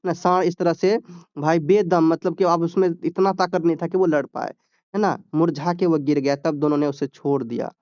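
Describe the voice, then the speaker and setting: Male teacher, clear higher voice, explains a textbook story line by line. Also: fairly even intonation, normal speed, darkish tone, no room sound, lo-fi sound. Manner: reads a passage, then explains it in plain talk with "ठीक है?" checks.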